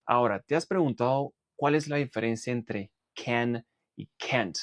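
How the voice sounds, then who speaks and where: A man teaching English pronunciation, explaining clearly and methodically and modelling example words. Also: mid-range voice, a little slow, no echo, faint music behind. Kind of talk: explanatory language lesson.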